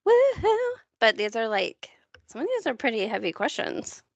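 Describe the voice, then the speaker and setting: Woman, parent, podcast co-host, casual chat, gravelly, trails off, dry room. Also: a little high, normal speed, no echo, dull audio. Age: adult, parent of a school child. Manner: relaxed, laughs often, trails off.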